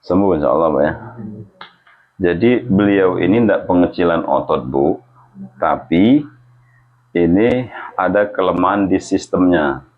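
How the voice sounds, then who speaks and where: A man's voice: low voice, a little slow, pauses often. A man, a therapist chatting during a hands-on treatment, joking and reassuring with frequent religious exclamations. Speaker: healing therapist. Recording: lo-fi, phone-like sound.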